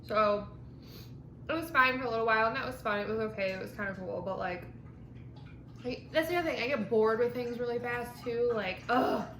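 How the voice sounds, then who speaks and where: A woman's voice: fairly high pitch, a little fast, a bit bright. Woman, informal rambling chat, mild swearing, echoey room, background noise. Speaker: vlog host. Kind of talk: casual rambling chat to camera while eating lunch.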